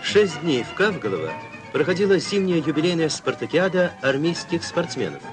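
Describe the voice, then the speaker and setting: A man's voice: on the high side, sing-song, normal speed. A man giving a formal, declamatory voice-over for an old newsreel. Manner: formal, declamatory announcer delivery. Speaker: newsreel narrator. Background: newsreel music under the voice.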